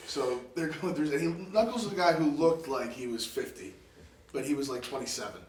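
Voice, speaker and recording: A man with a slightly high voice hosts a casual chat and swaps anecdotes. He is a bit away from the mic in a very echoey room. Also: expressive, brisk, a little mellow, distant mic, a little hiss or hum.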